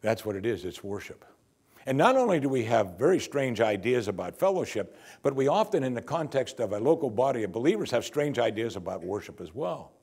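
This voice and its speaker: An older man, a pastor, preaching a sermon from the pulpit of a church in a lively, conversational and wry way, on a lapel mic. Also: medium pitch, fairly quick, breathy edge.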